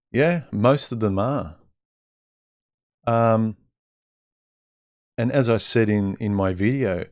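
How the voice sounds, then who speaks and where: A man with a fairly low voice delivers an opinionated, off-the-cuff livestream monologue. His speech sounds slightly muffled and impeded, as though he is wearing a mouthguard. He is blunt and conversational, addressing his listeners directly. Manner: blunt, conversational, rhetorical questions. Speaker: livestream host giving dating advice. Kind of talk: casual opinionated monologue to live chat.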